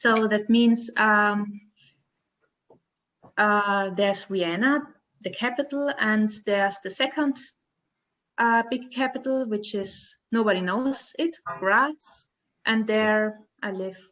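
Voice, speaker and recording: A woman in her twenties from the Dominican Republic, a podcast guest talking in a halting way, searching for words. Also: mid-range voice, a bit bright. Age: 20s. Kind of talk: casual interview chat.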